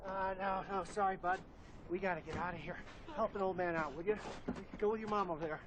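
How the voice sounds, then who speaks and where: An actor playing an easygoing, friendly father in a film, casual and gently teasing. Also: high voice, steady tone, brisk, lo-fi sound, a crowd in the background, natural voice. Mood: gentle, coaxing. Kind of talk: naturalistic film dialogue.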